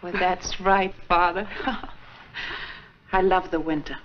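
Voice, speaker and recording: Proper young nun, gently reproving; dull 1940s film sound with light hiss. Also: female voice, lowish voice, steady tone, takes it slowly. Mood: earnest. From Sweden, raised in Minnesota. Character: earnest, proper young nun running a school. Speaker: nun heading a school.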